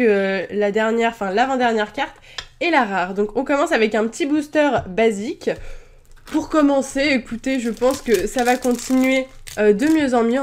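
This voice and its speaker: A young woman chatting casually as she opens trading card packs at home, hesitant and full of fillers but excitable. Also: on the high side. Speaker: YouTuber opening trading cards. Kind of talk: casual card-opening commentary.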